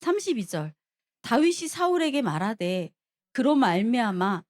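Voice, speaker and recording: A woman's voice: fairly high pitch, moderate pace. Woman preacher telling a story animatedly. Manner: animated storytelling, addresses the congregation with questions. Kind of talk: sermon.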